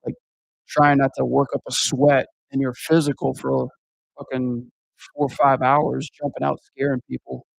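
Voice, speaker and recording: A man with a gravelly, creaky voice talks casually and swears a lot, trailing through sentences with constant filler words. He sits close to the mic in a dry, dead room with no echo. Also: mid-range voice, little pitch movement, normal speed. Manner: rambling, profane, heavy use of filler words. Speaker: podcast guest recounting a haunted house job. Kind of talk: casual chat.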